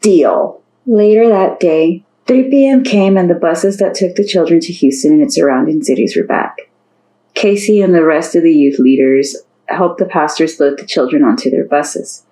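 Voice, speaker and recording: A woman's voice: lowish voice, normal speed, dark tone, low-quality recording. A woman narrating a story aloud, reading steadily and lifting her voice for the characters' lines.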